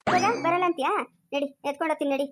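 A woman playing a chattering village woman, high and rapid. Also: a bit bright. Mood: coaxing. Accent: rural Chikkaballapur Kannada. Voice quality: quick chattering, coaxing and scolding. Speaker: actor in a family village skit. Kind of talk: amateur village skit acting.

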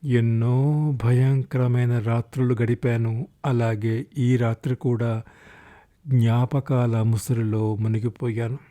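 A man reading a first-person story in scripted audiobook narration, slow and reflective. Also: medium pitch, little pitch movement, dark tone.

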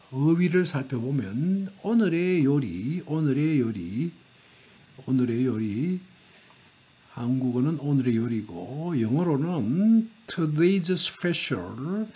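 A man teaching a grammar lesson, talking slowly and repeating words with fillers. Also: fairly high pitch, dark tone, breathy edge. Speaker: language teacher.

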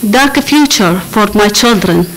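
Slow-spoken woman. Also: medium pitch, expressive, slight background noise, low-quality recording. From Iraq. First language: Arabic. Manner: slow, careful, repeats words while searching for English. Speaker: refugee panelist. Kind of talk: personal testimony at a panel. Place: large conference hall. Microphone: table microphone.

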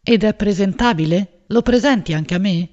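A woman's voice: mid-range voice, normal speed, a little mellow, voice pushed up, natural voice. Woman doing nosy teasing man, gossipy, pushy, storybook reading, dull lo-fi sound. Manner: nosy, playfully insistent.

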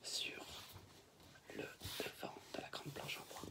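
A young man hosts in a whispered ASMR style. His delivery is slow and deliberate, almost entirely unvoiced, with careful, repetitive announcements. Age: teens to young adult. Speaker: ASMR channel host. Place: small bedroom, indoors. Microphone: built-in device mic at arm's length, no external microphone.

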